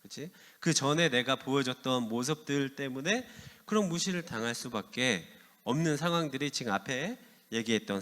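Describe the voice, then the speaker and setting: A man's voice: fairly high pitch, fairly bright tone. A man in his thirties, a youth pastor giving a playful, casual sermon that asks the teens questions. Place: church hall. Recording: long hall reverb.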